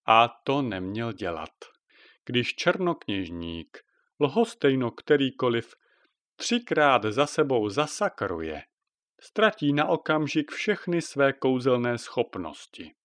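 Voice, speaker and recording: A man telling a fairy tale to his child, expressive and playful as he narrates. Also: mid-range voice, dry recording, studio quality. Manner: lively, expressive. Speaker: father telling a bedtime story. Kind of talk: storytelling narration.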